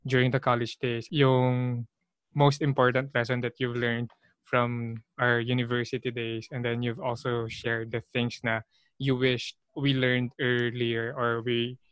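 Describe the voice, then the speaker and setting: A young man in his twenties with a Filipino accent, hosting a casual interview and asking questions in a halting, friendly way full of fillers. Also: mid-range voice, level tone, a bit bright, smooth, dry recording. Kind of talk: casual interview mixing English and Tagalog.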